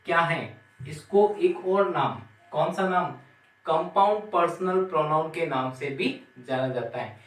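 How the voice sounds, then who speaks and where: A man teaching a grammar lesson, speaking slowly and repeating key terms as he asks the class questions. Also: fairly high pitch, fairly bright tone. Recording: roomy, from some distance.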